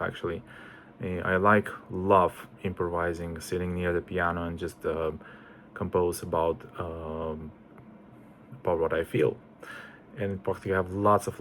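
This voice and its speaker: Low-voiced hesitant man. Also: a little hiss or hum. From Estonia. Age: 40s. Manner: hesitant, many fillers and restarts. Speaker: composer introducing himself. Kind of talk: casual self-introduction.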